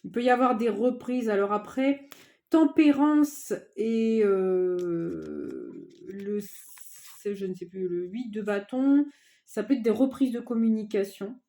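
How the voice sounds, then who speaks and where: A woman's voice: medium pitch, big pitch swings, slow pace, warm tone. Chatty hesitant woman reading tarot. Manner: hesitant, many fillers, chatty and informal. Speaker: tarot card reader. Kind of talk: casual tarot reading to viewers.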